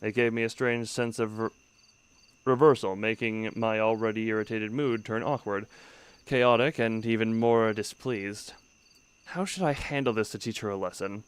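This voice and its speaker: A man streams a story game as let's-play commentary, reading the text aloud and throwing in wry asides, often stopping mid-sentence to start over. He sits close to the mic, his fairly low voice clean in tone and moderate in pace.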